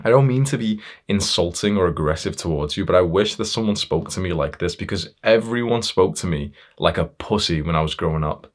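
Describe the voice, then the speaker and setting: A man's voice: low-pitched, expressive, brisk, few pauses. A man giving a blunt, confrontational motivational talk, swearing freely and building intensity through restarts and fillers. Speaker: motivational speaker.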